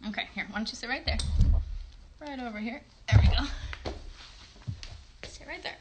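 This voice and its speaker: In a noisy bedroom, a woman in her thirties speaks at a normal speed in a fairly high voice. She hosts a children's puppet show and is casually presenting a craft demonstration, encouraging young viewers with questions. A phone about arm's length away captures her.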